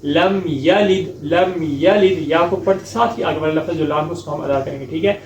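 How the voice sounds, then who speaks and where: A man teaching a step-by-step Quran recitation lesson. He explains each mistake patiently, checks in with the learners, and recites the verses in a slow, melodic chant. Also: a little high, gravelly, roomy sound, slight background noise, rough recording. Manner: repeats "ٹھیک ہے؟" to check understanding.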